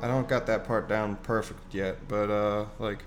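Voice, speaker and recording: A man's voice: fairly low pitch, steady tone, normal speed. A man hosting a casual, rambling solo chat in an informal way, sounding far from a dangling microphone. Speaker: host. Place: seated at a piano. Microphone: dangling microphone, away from the mouth. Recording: voice distant from dangling mic, music.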